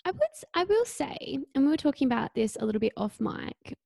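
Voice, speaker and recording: A young woman, co-hosting a podcast and speaking in a warm, reflective way. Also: high voice, big pitch swings, a little fast, gravelly, no room sound, clean studio sound. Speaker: podcast co-host. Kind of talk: casual chat.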